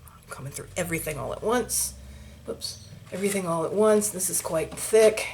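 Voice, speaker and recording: A woman's voice: fairly low pitch, moderate pace, a little mellow. A middle-aged woman with a Maine accent, chatting through each step of a hands-on craft tutorial and muttering asides to herself. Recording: noisy home recording with clicks.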